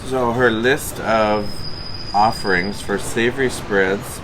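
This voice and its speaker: A man's voice: lowish voice, steady tone, takes it slowly. A man hosting a casual interview, asking friendly leading questions. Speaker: host, interviewer. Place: rooftop garden in a city, outdoors. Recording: outdoor street noise.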